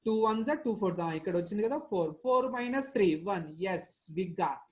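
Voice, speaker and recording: A man's voice: high voice, expressive, racing. A man with a Telugu Indian accent, a native Telugu speaker, teaching an interactive lesson by repeating points and prompting with questions. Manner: repetitive, question-led explaining with frequent tag questions. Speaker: chemistry teacher.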